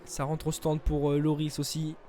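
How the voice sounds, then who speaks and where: A man giving live race commentary as a motorsport commentator, moving between measured observation and excited calls of the action. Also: fairly high pitch, slight background noise. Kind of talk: live race commentary, esports sim racing.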